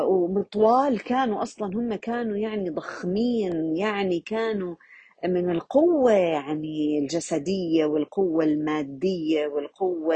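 A woman's voice: on the low side, dark tone, slightly rough, no echo. A woman gives an informal Quran reflection lesson, talking conversationally and asking her listeners rhetorical questions. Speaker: religious teacher.

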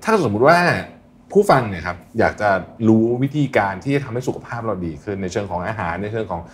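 Guy hosting a health podcast, lowish husky voice, polite and explains stuff. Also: big pitch swings, fast talker. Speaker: podcast host. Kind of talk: conversational interviewing and explaining health advice.

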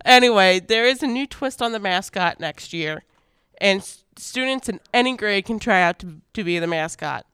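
A man's voice: high-pitched, lively intonation, normal speed, pushed and bright, clear, resonant tone, dry recording. A teenage boy co-hosting a school morning radio show, reading announcements in an upbeat way with playful asides. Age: teens. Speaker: student radio co-host.

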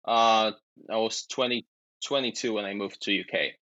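Brief: Polish man in his 30s, low voice, dull remote-call sound, halting and laughing. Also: bright, forceful tone, no echo. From Poland. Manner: halting, laughs often, repeats words. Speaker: guest, online seller. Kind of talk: casual interview chat.

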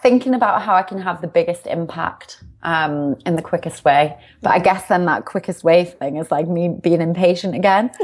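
A young woman from the UK, a success coach, talks in a casual interview with bubbly, upbeat energy and self-reflection. Her pitch is fairly low with a breathy edge, and she keeps a moderate pace with hardly any pauses.

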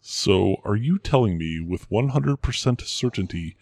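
A man playing a formal, prim gentleman interviewer with a proper, fussy way of talking. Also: lowish voice, animated, measured pace, creaky, no echo, studio quality, exaggerated voice. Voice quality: formal, prim, increasingly exasperated. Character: stuffy, proper male interviewer, middle-aged man. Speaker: interviewer in a comic sketch.

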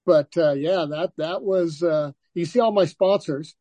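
A man's voice: fairly high pitch, measured pace, dry recording. An older man, a former motocross racer, telling stories as an interview guest with lots of restarts and "you know". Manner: relaxed storytelling, frequent restarts and "you know". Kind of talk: casual interview.

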